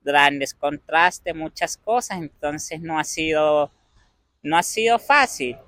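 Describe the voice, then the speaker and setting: A young interviewee with a Venezuelan Andean Spanish accent gives measured, thoughtful conversational answers, pausing to find his words. His voice sits slightly high and comes across bright and forward, and the recording is dry with no room echo.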